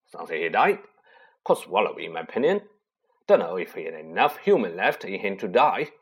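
A man voicing a big, gruff male gamekeeper in a storybook reading, speaking in a rough, drawling way. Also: deep voice, very animated, fairly quick, heavily acted. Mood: ominous.

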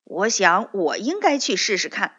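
A woman voicing a brave male tin man who speaks loudly and boldly in a storybook reading. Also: mid-range voice, big pitch swings, moderate pace, husky, heavily acted. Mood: determined. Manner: loud, calling out boldly. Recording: dull lo-fi recording.

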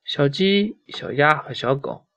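Slow man reading a children's story. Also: a little high, lively intonation, fairly bright tone, no echo.

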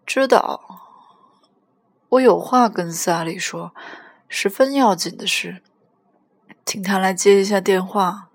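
A woman voicing a drunk teenage boy on the phone, slurred, loud and pleading. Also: medium pitch, slow pace, pauses often, dry recording.

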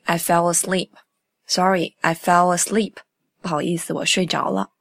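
A young woman with a slightly low voice teaches English in a casual podcast style, chatting easily and repeating phrases slowly. The recording is dry and close, with no room sound. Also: creaky, fairly bright tone, dry recording.

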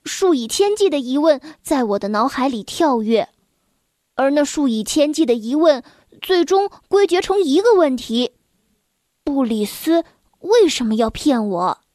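A woman storyteller reading a children's story aloud in a gentle, expressive way. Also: high-pitched, unhurried, no room sound, studio quality.

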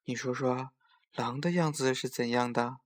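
A man voicing a caring, sick mother rabbit who gives gentle, anxious warnings. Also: mid-range voice, fairly even intonation, normal speed, lightly acted. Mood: worried.

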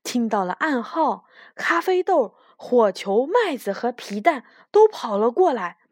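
A woman reading a children's picture book aloud with gentle, expressive narration. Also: fairly high pitch, a little slow, dry recording, clean studio sound. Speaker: children's storyteller.

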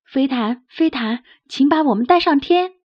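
A woman voicing an eager, proud young male sheep in a storybook, calling out excitedly. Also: high voice, moderate pace, no echo. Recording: dry, slightly dull recording.

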